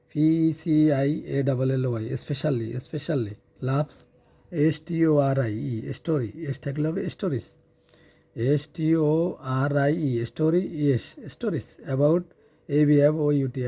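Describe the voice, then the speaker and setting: A man teaching English in a reading lesson, spelling words letter by letter and repeating them slowly. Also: mid-range voice, warm tone, husky.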